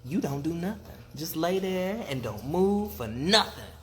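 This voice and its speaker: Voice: mid-range voice, sing-song, a little slow, pitched above the performer's own voice. A storyteller as Brer Rabbit, a sly trickster. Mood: scheming. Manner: folksy, confident, scheming. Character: sly, boastful trickster rabbit in a Southern folktale.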